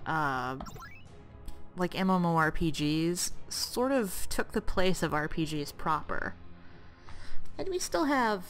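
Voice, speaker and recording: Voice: medium pitch, animated, slow pace, fairly bright tone, soft background music. A let's play commentator rambling casually about games while playing, with asides to the action. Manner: rambling, chatty, with fillers and asides to the game.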